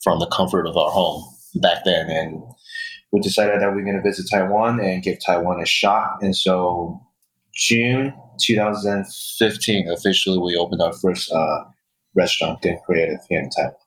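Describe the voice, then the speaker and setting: A man, a guest chef, giving casual interview answers in a halting way with many restarts, heard through fuzzy distortion and echo. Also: deep voice, fairly even intonation, fairly bright tone. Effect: fuzzy distortion and echo from a faulty recording. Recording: distorted echoey recording.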